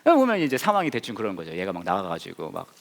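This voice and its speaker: A man's voice: low voice, very fast, vocal fry, long reverb tail. A man preaching, a pastor telling a story with humor and acting out the people in it. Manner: animated, jokey, acts out voices.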